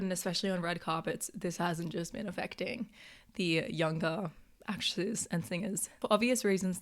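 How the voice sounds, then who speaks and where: Hoarse, sick-sounding young woman podcaster. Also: on the low side. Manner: chatty, many filler "like"s. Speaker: podcast host. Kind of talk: casual podcast monologue.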